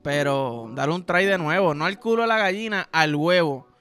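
A man's voice: a little high, normal speed, fairly bright tone, clear, resonant tone, faint music behind. A young Puerto Rican man hosting a podcast, telling a rambling, profane comic story in a casual monologue. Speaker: podcast host.

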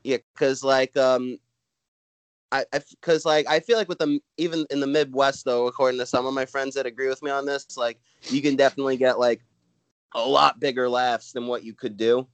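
A man from Brooklyn with a Brooklyn accent chats casually as a comedian being interviewed, rambling and halting, with "like" all through his talk. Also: medium pitch, little pitch movement, clean tone, no room sound. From Brooklyn, New York. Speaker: stand-up comedian, podcast guest. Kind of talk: casual chat.

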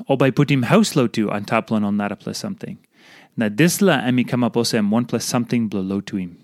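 A man's voice: medium pitch, a little mellow, no echo, clean studio sound. A man delivering a devotional talk, reading scripture and explaining it as a speaker to believers.

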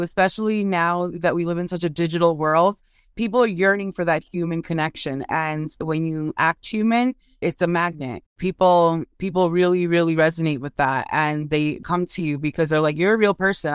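A woman's voice: on the low side, normal speed, clean tone, dry recording, studio quality. A woman guest in a casual interview, talking about her work in a candid, sassy, sarcastic way. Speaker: guest, marketing business owner. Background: soft meditation music.

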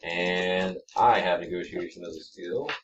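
Low-voiced man running a tabletop game. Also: measured pace, dull audio, slight background noise. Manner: relaxed, explains rules. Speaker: game master. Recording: distant mic.

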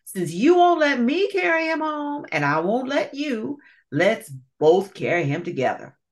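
A woman voicing a quarrelsome bad male alligator in a storybook, loud and bickering. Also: fairly high pitch, big pitch swings, unhurried, voice pushed up. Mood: scheming.

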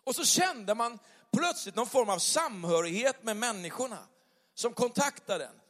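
A man's voice: very high-pitched, animated, fairly bright tone. A man preaching a conversational sermon, chatty and full of acted-out little dialogues. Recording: long hall reverb.

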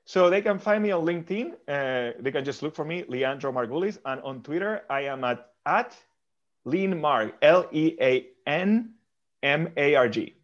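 Answering a podcast host, this Argentine guest thinks his way through each point, regularly starting over and repeating words. His expressive voice sits on the high side at a moderate pace, with the top frequencies cut off.

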